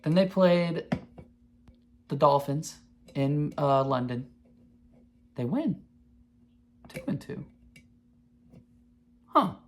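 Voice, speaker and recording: A man in his twenties hosting a podcast, talking in a rambling, profane, excitable way in casual sports chat. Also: fairly high pitch, extremely slow, long pauses, a little hiss or hum. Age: 20s. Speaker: podcast host.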